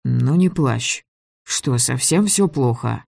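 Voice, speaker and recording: An audiobook reader voicing a calm, kindly grown man who talks slowly and gently. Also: medium pitch, creaky, no room sound, full character voice.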